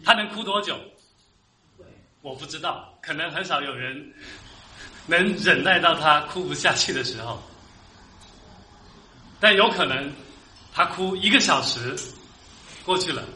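A man's voice: a little high, sharp tone, reverberant, a little hiss or hum, rough recording. A man preaching a sermon as pastor, earnest and rising to emphatic peaks.

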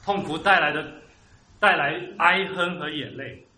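A man's voice: on the high side, unhurried, bright, forceful tone, roomy sound, slight background noise, poor audio. A man preaching a sermon as pastor, earnest and rising to emphatic peaks.

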